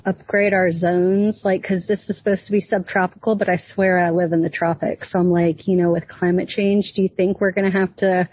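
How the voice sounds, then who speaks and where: Chatty husky-voiced woman guest. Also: lowish voice, flat delivery, fairly quick, few pauses. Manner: chatty, curious, uses "like" often. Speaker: consulting client, podcast guest. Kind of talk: casual podcast conversation. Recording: dull lo-fi sound.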